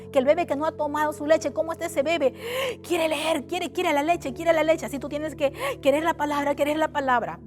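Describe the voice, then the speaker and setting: A woman delivers an online sermon with a high, carrying voice. She speaks earnestly and slips into whiny voices to act out reluctant believers. Soft music plays faintly behind her. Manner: earnest, acts out complaining voices. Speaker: preacher.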